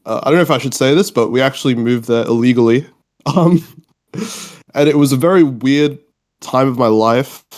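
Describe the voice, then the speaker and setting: A man's voice: mid-range voice, normal speed, a little mellow. A twenty-year-old man from Australia, born in Mauritius, chatting casually in an informal, rambling way as a podcast guest. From Australia, born in Mauritius, lived in UK. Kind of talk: casual chat.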